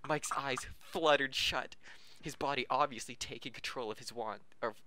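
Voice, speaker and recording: On a podcast, a man reads fan fiction aloud, stumbling over words, correcting himself, and often laughing with amusement. His voice is medium-pitched and sharp at a moderate pace, with no room sound.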